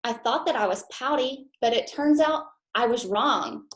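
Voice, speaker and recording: A woman's voice: a little high, expressive, pitched above the performer's own voice, natural voice. A glum pout pout fish, read by a woman. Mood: cheerful. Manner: sing-song rhyming, drawn-out blubs. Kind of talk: picture book read-aloud.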